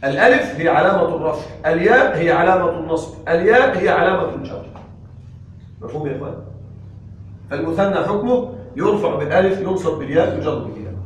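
A man teaching an Arabic grammar lesson in a classroom, asking his students questions and slowing down on the example phrases. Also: fairly high pitch, animated, a little hiss or hum. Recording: echoey room from far off.

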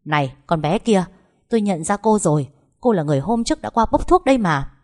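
A man's voice: high voice, big pitch swings, a little fast. A woman voicing a village herbal healer who recognizes a girl. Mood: accusing. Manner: accusing.

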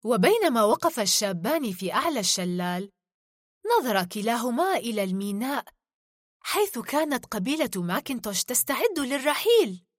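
Expressive high-voiced woman storyteller. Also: normal speed, dry recording, studio quality. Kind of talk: children's story narration.

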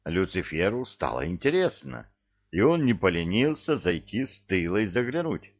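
A man narrating an audiobook with steady, measured storytelling. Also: lowish voice, dull audio. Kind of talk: scripted narration.

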